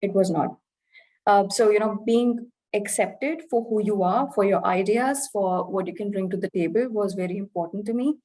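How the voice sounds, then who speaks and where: A young woman from India speaks candidly and earnestly as an interview guest, reflecting on her experience in an Indian English accent softened by years in the UK. Her voice is mellow and mid-pitched, and she pauses, uses many fillers, and restarts while searching for words. The recording quality is low.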